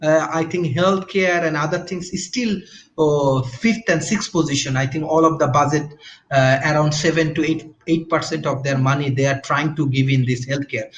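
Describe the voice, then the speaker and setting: A man's voice: a little high, steady tone, normal speed, echoey room, a little hiss or hum, low-quality recording. A man from Bangladesh speaking on an online panel discussion, hesitant, with many restarts and fillers. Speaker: panel guest.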